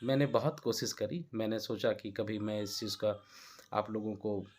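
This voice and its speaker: A man's voice: lowish voice, steady tone, moderate pace, darkish tone. A man with an Indian accent teaching English grammar in a classroom-style lesson, often stopping to check that students follow. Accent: Indian Hindi-speaking. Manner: explanatory, checks understanding with repeated questions.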